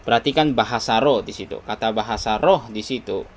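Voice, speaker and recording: A man's voice: lowish voice, fairly quick. A male preacher giving a Bible teaching sermon, emphatic, often closing his phrases with a short tag word. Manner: emphatic, repeats "begitu" to close phrases.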